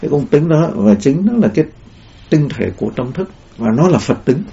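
A man's voice: a little high, big pitch swings, moderate pace, warm tone. A man giving a Buddhist dharma talk in a rambling way, with many fillers and restarts. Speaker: Buddhist teacher. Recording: dull lo-fi recording.

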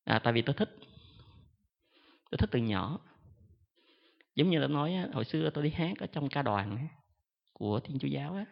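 A Buddhist monk tells an audience a chatty, self-mocking story, filling his pauses with drawn-out "à" sounds. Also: fairly high pitch, animated, vocal fry. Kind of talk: storytelling dharma talk to an audience. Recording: dull lo-fi sound in a long reverberant hall.

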